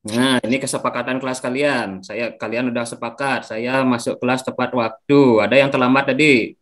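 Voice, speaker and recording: A young man with an Indonesian accent leads a class as its teacher, upbeat and coaxing. His pitch sits in an ordinary middle range, and he keeps asking the pupils whether they follow. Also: fairly even intonation, moderate pace, a bit bright. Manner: upbeat, coaxing, checks with "ya" often.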